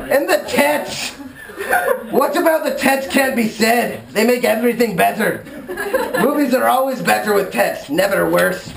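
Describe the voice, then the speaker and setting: A man's voice: very high-pitched, creaky. A man delivering a bawdy comic after-dinner toast with a theatrical, mock-poetic manner at a live supper. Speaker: speaker giving a toast at a Burns supper. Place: live supper gathering in an echoey room. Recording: echoey room, loud background noise, clicks.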